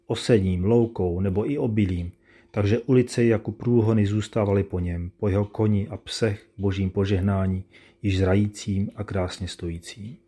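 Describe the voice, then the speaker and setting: A man reads an old tale in a measured, solemn way. His voice sits low and has a soft, dark tone. The telling is unhurried and steady. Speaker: narrator. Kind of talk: scripted narration of a classic tale.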